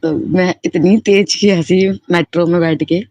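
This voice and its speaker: A woman's voice: fairly low pitch, fairly even intonation, unhurried, warm tone, no room sound. A woman giving a personal devotional testimony, speaking in a heartfelt, repetitive and fervently grateful way. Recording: slightly muffled lo-fi recording.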